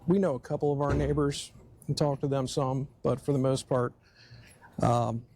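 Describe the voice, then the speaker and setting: A man's voice: mid-range voice, fairly even intonation, normal speed, warm tone. A man in his late thirties co-hosting a podcast, talking in easygoing, dry banter. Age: 30s. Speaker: podcast co-host. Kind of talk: casual chat.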